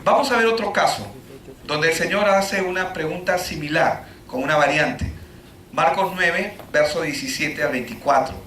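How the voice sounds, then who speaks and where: A man preaching a sermon, full of rhetorical questions, rising to shouts and then dropping low. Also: moderate pace, a little hiss or hum. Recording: echoey room, voice from a distance.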